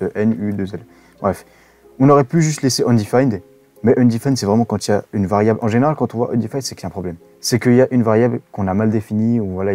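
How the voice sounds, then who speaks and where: A man's voice: lowish voice, mellow. A man giving a casual coding tutorial, rambling with many fillers and self-corrections. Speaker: web development instructor.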